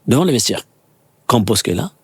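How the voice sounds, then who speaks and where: A man around fifty, a former footballer, guest on an interview show, telling anecdotes in a lively way and acting out what people said. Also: medium pitch, fairly quick, breathy edge, no room sound. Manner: lively storyteller acting out dialogue, many restarts.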